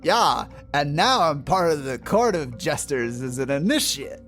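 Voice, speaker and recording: Young male lackey for a tabletop game, man acting: dutiful, blunt, unhurried. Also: a little high, big pitch swings, a bit bright, soft background music, exaggerated voice. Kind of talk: improvised tabletop role-play.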